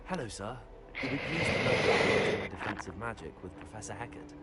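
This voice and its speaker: A polite young student wizard. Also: male voice, lowish voice, lively intonation, fast talker, sharp tone. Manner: polite, earnest.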